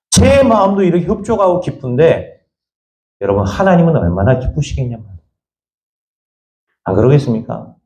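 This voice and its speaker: A male pastor preaching a sermon, firing rhetorical questions at the congregation and swinging between raised high lines and quiet low asides. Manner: emphatic, fires repeated rhetorical questions at the congregation. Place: church sanctuary. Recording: echoey church room.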